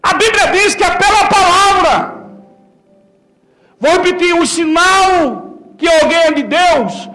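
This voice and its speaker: A man with a Brazilian Portuguese accent, a pastor preaching a sermon in a colloquial, repetitive way, moving between loud calls and low asides.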